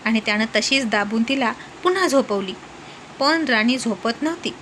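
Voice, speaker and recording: A woman storyteller reading a story in a lively, expressive way. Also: on the high side, moderate pace, slight background noise, rough recording. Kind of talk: storybook narration.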